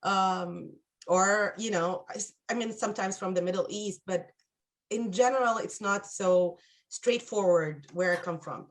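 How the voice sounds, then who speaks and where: A woman's voice: medium pitch, measured pace. A middle-aged woman from Egypt, answering interview questions in a thoughtful, hesitant way, with many fillers and restarts. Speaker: guest. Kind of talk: conversational interview.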